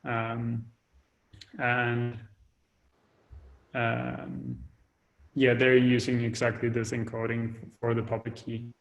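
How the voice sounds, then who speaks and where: A man's voice: mid-range voice, completely flat delivery, takes it slowly, creaky, long pauses, lo-fi sound. A man giving a casual technical update on a video call, hesitant and full of fillers and restarts. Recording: call audio breaking up.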